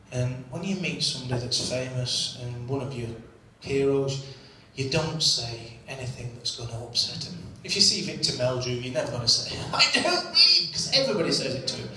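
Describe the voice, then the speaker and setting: Male after-dinner raconteur, bright edge, recorded far off in a very echoey function room with faint ambience. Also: medium pitch, a little hiss or hum. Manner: cheeky, comic storytelling with punchlines. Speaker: after-dinner speaker, former cricketer. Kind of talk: anecdotal after-dinner storytelling.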